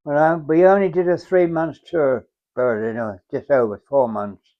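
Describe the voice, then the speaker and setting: Very old man, English accent, war veteran's reminiscence, fairly high-pitched, halting and reflective, muffled lo-fi recording. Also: steady tone. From England. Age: very old, around 100. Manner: very old man's halting, reflective delivery with repeated phrases. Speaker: war veteran recalling his service. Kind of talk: unhurried oral-history reminiscence. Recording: dull, muffled lo-fi sound.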